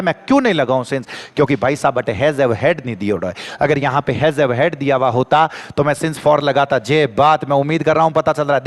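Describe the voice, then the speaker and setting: Young male tutor, Rajasthani accent, lively and repetitive, slightly high voice. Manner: energetic, repeats catchphrases, acts out students' questions. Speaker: English teacher. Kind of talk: exam-prep grammar lesson.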